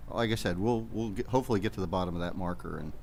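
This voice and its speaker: A man chairs a township committee meeting as mayor, reading procedural business aloud to an audience in a public meeting room. His voice is low, gravelly and darkish, and he talks very fast. Faint background noise from the room is audible.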